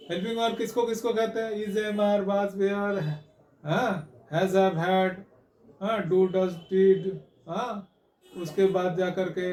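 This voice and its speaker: A man teaching English grammar in a classroom lesson, explaining slowly and checking in with his students again and again. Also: high voice, darkish tone. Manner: explains slowly, repeats and checks with "haan?" and "theek hai?". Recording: echoey room, mic far off.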